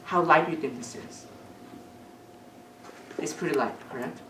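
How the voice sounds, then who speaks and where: Low voiced lady doing a magic show at a kids party, asking and instructing, noisy background, distant mic. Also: normal speed, a bit bright, roomy sound. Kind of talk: live magic show patter for children.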